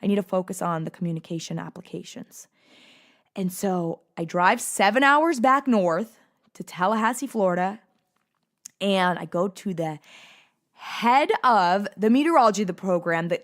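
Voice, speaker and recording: A woman's voice: medium pitch, normal speed. A young adult woman hosting a podcast, telling a personal story with animation and acting out the dialogue. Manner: animated, acts out quoted dialogue. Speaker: podcast host.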